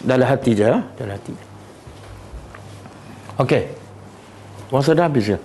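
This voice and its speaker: A middle-aged man with a Malaysian Malay accent teaching a Quran study class, often quizzing his students with short questions and reciting verses slowly. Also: mid-range voice, animated, darkish tone, a little hiss or hum. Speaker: religious teacher.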